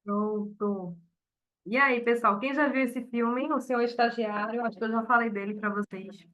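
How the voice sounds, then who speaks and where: A woman teacher closing an online class, speaking softly and in a friendly way because she has a cold. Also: on the high side, fairly even intonation, moderate pace, highs cut off.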